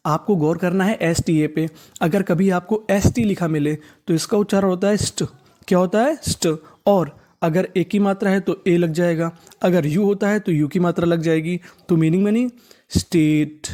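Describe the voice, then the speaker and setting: A teacher giving a step-by-step phonics lesson, spelling out letters slowly and quizzing with their own questions before answering them. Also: medium pitch, dark tone. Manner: slow, repetitive spelling out of letters. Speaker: English reading teacher.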